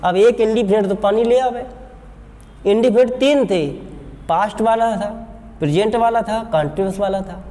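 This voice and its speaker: High-voiced man teaching, echoey room. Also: normal speed, warm tone. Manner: asks the class questions and answers them himself. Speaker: English teacher. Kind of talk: classroom lecture. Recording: echoey classroom with faint background noise.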